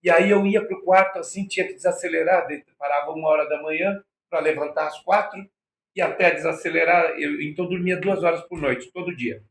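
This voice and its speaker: Speaking fairly quickly in a highish voice, a Brazilian-accented man shares an anecdote as an interview guest. He performs the quoted dialogue in changing voices, and the room sounds echoey.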